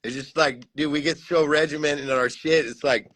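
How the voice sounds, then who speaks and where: A man holds forth in loose podcast talk, intense and emphatic, with swearing through nearly every sentence. His voice sits fairly high and sounds bright and forceful. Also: fairly even intonation, moderate pace. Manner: intense, heavily profane, emphatic. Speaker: podcast co-host. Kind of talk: casual chat.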